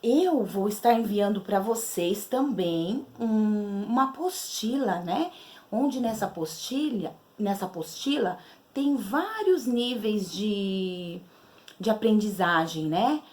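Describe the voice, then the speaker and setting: A woman's voice: medium pitch, animated, slow pace, a little mellow. A woman teacher with a Brazilian Portuguese accent, patiently explaining syllables to children step by step. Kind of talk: literacy lesson to children.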